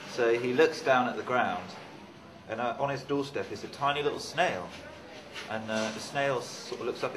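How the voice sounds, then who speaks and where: A man telling a long joke casually, rambling with ums and uhs. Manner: rambling storyteller, squeaky high voice for the snail. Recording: background noise on location.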